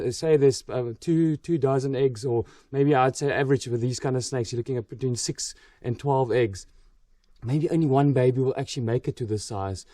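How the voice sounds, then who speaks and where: A man presenting wildlife to camera outdoors at night, full of wonder and often dropping to a hushed, gentle voice. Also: medium pitch, dry recording, recorded from a distance. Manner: awed, repeats exclamations of wonder. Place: outdoors at night in a forest by water.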